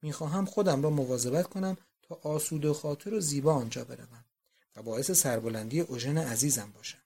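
A poised young society wife in an audiobook, voiced by the narrator. She speaks softly and confidingly, quieter than the narration around her. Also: deep voice, slightly rough. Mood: assured. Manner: soft, confiding. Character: young society wife, self-assured and affectionate. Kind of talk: audiobook reading.

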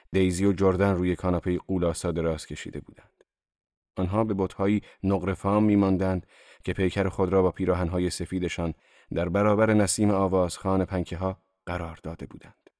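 A man narrating a novel as an audiobook reader, in a calm, even literary manner. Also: low-pitched, dry recording, clean studio sound.

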